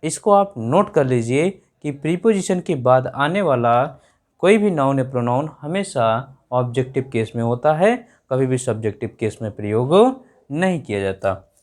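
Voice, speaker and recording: A man's voice: medium pitch, lively intonation, moderate pace, darkish tone. A male explaining grammar in a classroom lesson, repeating each point back as a question to his students. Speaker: English teacher.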